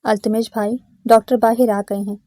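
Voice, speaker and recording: A woman's voice: on the high side, level tone, dark tone, dry recording, clean studio sound, natural voice. A woman voicing a worried young sister who asks concerned questions.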